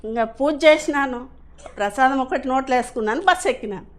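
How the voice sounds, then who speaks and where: A woman's voice: high voice, fairly quick. A middle-aged woman, giving a rambling, earnest personal testimonial as a class attendee.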